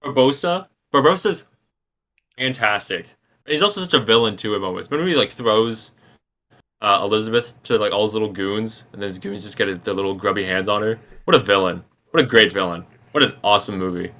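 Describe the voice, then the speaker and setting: A young man with a low but bright, forceful voice co-hosts a casual podcast chat. He teases his friends and clearly enjoys the jokes. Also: fairly quick. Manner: teasing, playful. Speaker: podcast co-host.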